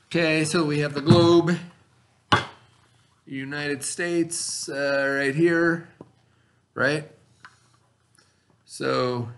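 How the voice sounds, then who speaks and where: A man with a mid-range voice teaches by reading aloud, stopping to explain things and pose questions to his listeners.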